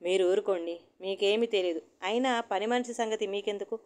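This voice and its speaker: A woman's voice: medium pitch, steady tone, brisk, a little mellow, natural voice. A woman voicing an irritable middle-aged housewife who complains sharply and peevishly.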